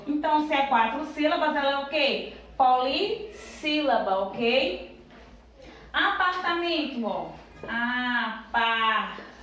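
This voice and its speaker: A woman teaching a lesson to young children. She asks questions and answers them herself, and she counts syllables aloud slowly. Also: high voice, lively intonation, a bit bright, a little hiss or hum. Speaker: primary school teacher. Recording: very echoey room, voice far from the mic.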